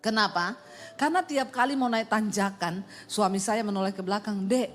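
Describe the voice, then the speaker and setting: A woman's voice: mid-range voice, normal speed, faint music behind. A middle-aged woman pastor, telling funny stories in a sermon and acting out voices and sounds. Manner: animated, acts out voices and sound effects. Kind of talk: humorous sermon storytelling.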